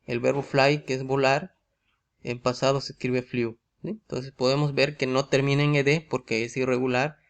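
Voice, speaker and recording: Male teacher with a Mexican Spanish accent, mid-pitched and gravelly, walks through rules with constant "¿sí?" check-ins. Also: little pitch movement, normal speed. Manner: asks rhetorical questions, often adds a tag "¿sí?". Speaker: English teacher. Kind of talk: explaining grammar in a video lesson.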